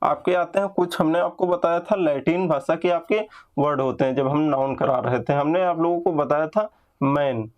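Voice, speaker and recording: A man with a slightly raised pitch teaches an exam-prep grammar lesson. He explains patiently, repeats his points, and slows right down to drag out each example word. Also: lo-fi sound.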